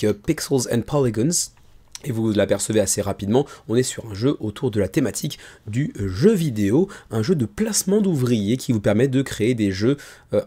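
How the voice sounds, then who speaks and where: Soft-spoken man, mellow and chatty. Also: mid-range voice, slightly rough. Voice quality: tired voice, held back to spare it. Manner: informal, chatty, self-deprecating. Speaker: host of a board game crowdfunding video show. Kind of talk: casual presenter talk, kept low and soft. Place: small room indoors. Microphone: microphone about ten centimetres from the mouth.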